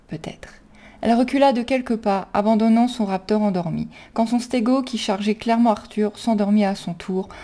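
A woman reads her own adventure story aloud in a steady, measured storybook narration. Her voice is mellow and warm, at a middle pitch. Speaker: reader of her own fan fiction.

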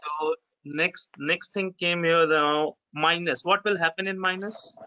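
North Indian accent, male programming teacher, highish forceful voice, informal step-by-step, checks understanding, lo-fi audio. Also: steady tone, measured pace, smooth. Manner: often checks understanding with okay and right. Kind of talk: informal step-by-step screen-share tutorial. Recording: dull, lo-fi online call audio.

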